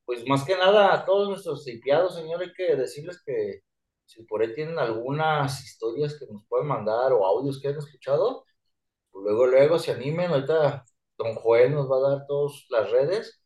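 A man's voice: medium pitch, normal speed. Slangy Mexican man in an echoey room. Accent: Mexican Spanish. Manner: slangy, joking, reacts loudly. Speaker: podcast host. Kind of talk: casual chat.

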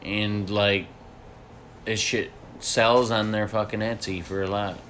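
A man's voice: on the low side, level tone, slow, fairly bright tone, slight background noise. A man co-hosting a casual podcast chat, laid-back and slangy, drawling easy agreement. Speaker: podcast co-host.

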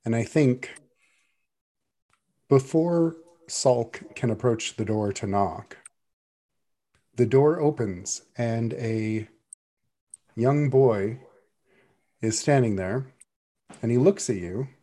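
A man narrating a tabletop game as game master, relaxed and conversational. His voice is mellow and dark in tone, sitting at an ordinary middle pitch. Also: slow, long pauses. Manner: casual, with restarts and fillers.

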